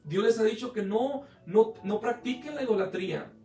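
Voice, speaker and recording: A man's voice: high voice, normal speed, mellow, echoey room, far from the mic, faint music behind. A man preaching a sermon as pastor, retelling a story with acted quotes, often hesitating and restarting. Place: church hall.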